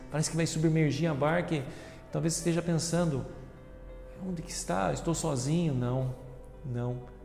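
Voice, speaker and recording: A Brazilian deacon with a slightly high voice delivers an earnest homily, sometimes dropping to a hushed murmur and sometimes rising to forceful emphasis. His words ring through the long reverb of a large church sanctuary. Soft music plays faintly beneath him. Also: gravelly. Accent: Brazilian Portuguese. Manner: earnest preaching, addresses listeners as brothers and sisters; swings between hushed reflective tones and loud emphatic reading. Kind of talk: Gospel reading and homily.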